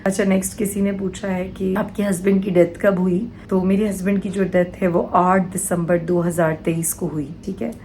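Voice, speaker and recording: A woman's voice: fairly low pitch, level tone, few pauses, darkish tone, slight background noise, poor audio. A woman in her thirties answering viewers' questions in an earnest, emotional vlog from a small room at home. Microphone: camera in front of her. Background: faint household sounds from outside.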